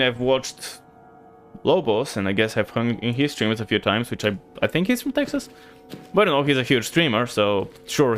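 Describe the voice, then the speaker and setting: A Bulgarian man with a light accent and a medium-pitched, slightly bright voice streams a game. He keeps up loose chat with his viewers and thinks out loud as he goes.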